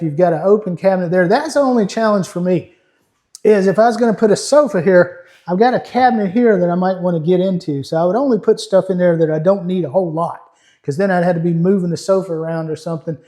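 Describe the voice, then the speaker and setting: A man's voice: high-pitched, quick pace, dark tone. A man hosting a casual, unscripted house tour, chatting to viewers in a folksy way. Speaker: host of a tiny house tour channel. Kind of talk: casual unscripted walkthrough narration.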